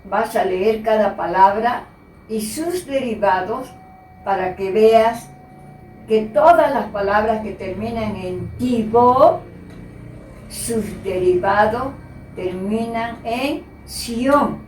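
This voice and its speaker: A woman teacher giving a slow, patient spelling lesson and repeating the key words. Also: fairly high pitch, darkish tone, slight background noise. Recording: echoey room, voice from a distance.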